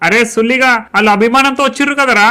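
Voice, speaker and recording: A man's voice: extremely high pitch, rapid-fire, full character voice. A man playing a hot-tempered male election candidate who bosses his aide around, speaking in a Telangana Telugu accent. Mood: bossy angry. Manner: bossy, yelling at his aide.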